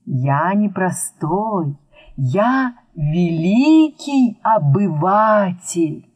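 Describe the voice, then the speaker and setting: A woman's voice: on the low side, very animated, extremely slow, darkish tone, slightly rough, no echo, lo-fi sound, exaggerated voice. A woman reading a wise, stay-at-home old male storyteller who pleads in flowery, ironic phrases. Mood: pleading. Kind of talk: audiobook reading.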